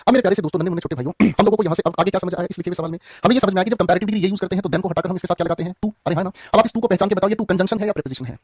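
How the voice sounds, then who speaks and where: Guy rattling through a grammar class super fast, high husky voice, keeps ribbing the students. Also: no echo, clean studio sound. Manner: rapid, teasing, joking with students in chat. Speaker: English grammar teacher. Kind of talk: online class lecture.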